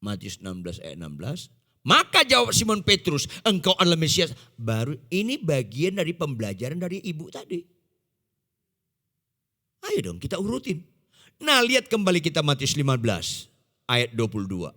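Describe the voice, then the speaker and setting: A man preaching a sermon in speech, emphatic, shifting between loud and quiet and putting questions to the congregation. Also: fairly high pitch, wildly swooping pitch, normal speed. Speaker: pastor. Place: large church hall. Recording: echoey church hall.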